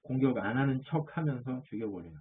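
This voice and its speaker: A male pastor delivers a sermon in a husky voice, tossing rhetorical questions at his congregation and answering each one himself. The recording is thin and tinny, like a phone line. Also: medium pitch, expressive, fast talker.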